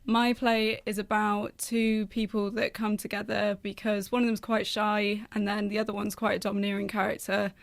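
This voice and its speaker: A woman's voice: mid-range voice, level tone, normal speed, creaky, hardly any pauses. A woman speaking as a playwright guest in a radio interview, explaining her work.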